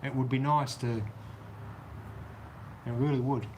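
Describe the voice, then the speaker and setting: A mid-range male voice with a New Zealand accent speaks at a measured pace in a level tone, with a little hiss or hum. Livestreaming from an outdoor weather shelter on a golf course, he chats casually and rambles while answering comments.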